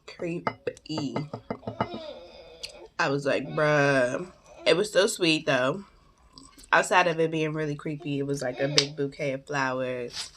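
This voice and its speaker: A woman's voice: low voice, a little slow, long pauses, a bit bright. A woman chatting casually through storytime, talking with her mouth full as she eats and using informal, slangy phrasing. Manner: informal slangy storytelling, acting out quoted dialogue. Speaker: vlogger telling personal stories. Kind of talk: casual storytime mukbang chat.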